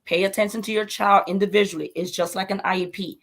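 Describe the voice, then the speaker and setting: Mom talking earnestly in an interview, emphatic, repeats words a lot. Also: female voice, medium pitch, fairly even intonation, fast talker, creaky. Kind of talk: interview conversation.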